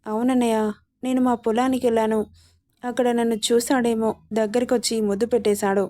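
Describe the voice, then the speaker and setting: A gentle, troubled young woman speaks softly and haltingly, as a woman narrator puts her on. Her voice is warm and mellow and sits slightly high, in an audio story. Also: flat delivery, dry recording, clean studio sound, natural voice. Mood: anxious.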